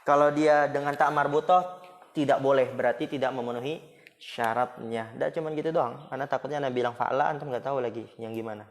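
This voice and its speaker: A man of medium pitch talks a little fast in a steady tone. He is an Islamic school teacher giving a casual Arabic grammar lesson full of rhetorical questions and jokes. The boarding school classroom lends a long, hall-like reverb.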